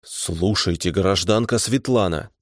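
Guy voicing an angry plain-talking electrician yelling down the phone, loud and fed up. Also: measured pace, no echo, clean studio sound. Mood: indignant, booming. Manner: booming, indignant. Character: indignant blunt middle-aged electrician, hot-tempered man.

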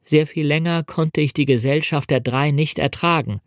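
A man reading a novel aloud as an audiobook in a measured, dramatic first-person storytelling manner, in a studio. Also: fairly high pitch, no echo. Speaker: audiobook reader. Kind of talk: scripted audiobook narration.

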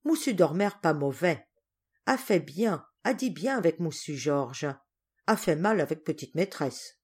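A woman voicing a devoted adult male servant who talks in slow, clipped, broken French. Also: low-pitched, animated, darkish tone, husky, exaggerated voice. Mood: disapproving.

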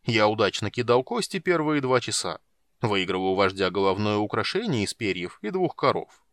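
Storybook dwarf, sly and sheepish gambler, read by a man, rambling, animated delivery. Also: on the low side, normal speed, dry recording.

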